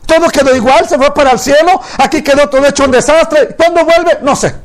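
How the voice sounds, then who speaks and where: A man with a strikingly high voice preaches a sermon to his congregation. He keeps asking questions and answering them himself, and he slows right down to draw out Hebrew words for emphasis. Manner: draws out Hebrew phrases slowly for emphasis.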